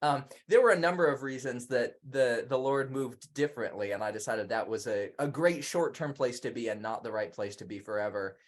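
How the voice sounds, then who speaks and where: A man's voice: mid-range voice, brisk, few pauses. Chatty, self-deprecating man guest. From Indonesia. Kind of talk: casual conversation.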